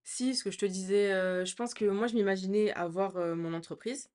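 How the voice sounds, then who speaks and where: A young woman co-hosting a podcast, talking openly and plainly at a middle pitch. She pauses on fillers as she works out what to say, and keeps the tone casual. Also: fairly even intonation, darkish tone. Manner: frank, hesitant, many fillers. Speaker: podcast co-host. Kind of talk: casual chat.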